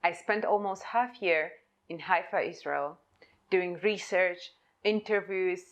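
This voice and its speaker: Reading, it seems, from notes, a young woman gives a measured, deliberate conference presentation in English about the type she designed. Her voice sits slightly low, and her first language is Polish.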